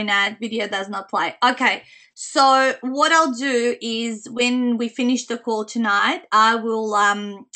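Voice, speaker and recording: A woman with a slightly squeaky voice presenting an informal online coaching call in a chatty way. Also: bright, forceful tone.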